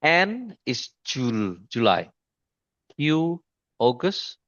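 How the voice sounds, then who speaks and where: A man giving an informal screen-share trading lesson, speaking haltingly with many restarts and repeated pointers to the chart. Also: medium pitch, sing-song, a bit bright, dry recording, lo-fi sound. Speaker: trading mentor.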